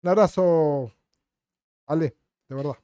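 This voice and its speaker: A man's voice: fairly high pitch, measured pace, warm tone, no room sound. A man with an Argentine accent from La Plata, hosting a casual livestream and bluntly answering viewer questions, dropping in Portuguese words. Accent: Argentine Spanish, La Plata.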